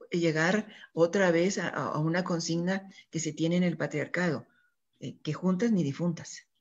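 Earnest woman guest on a radio panel, husky voice, muffled lo-fi radio recording. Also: lowish voice. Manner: earnest, keeps checking in with listeners. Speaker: guest speaker.

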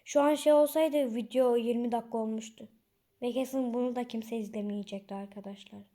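A young woman with a high, mellow voice giving casual game commentary. She chats to her viewers as she plays, bursting out in frustration and excitement along the way. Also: a little fast. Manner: chatty, excitable, outbursts of frustration. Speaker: gaming channel host.

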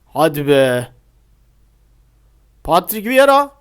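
A young man playing a football scout and commentating his mobile football match live, shouting and half-singing at goals, then dropping to low mutters. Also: sing-song, slow pace, clean tone. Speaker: gaming YouTuber playing a scout role.

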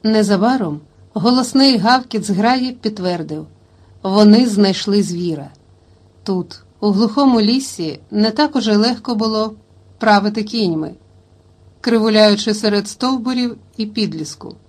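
A woman reading a historical novel aloud as an audiobook narrator, in steady, even storytelling. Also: mid-range voice, measured pace.

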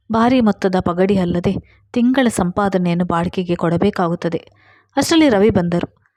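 A woman reading a first-person love story aloud in a steady, even narration. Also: fairly low pitch, no echo, rough recording.

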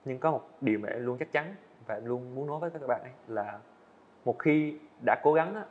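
This phone-quality clip features a young man of medium pitch, a student animator being interviewed in an indoor studio. His casual answers come out fast and earnest, punctuated by frequent small restarts.

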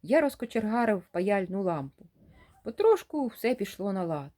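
A woman reading a short story aloud in a lively, dramatic storytelling way. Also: medium pitch, moderate pace. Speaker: reader of short stories.

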